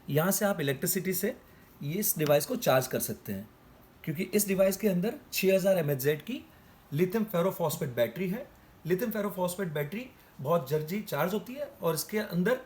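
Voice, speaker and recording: A man from India with a high-pitched voice and a somewhat dark tone gives an explanatory product demonstration, addressing viewers as friends. Background noise and ambience are clearly audible in the recording.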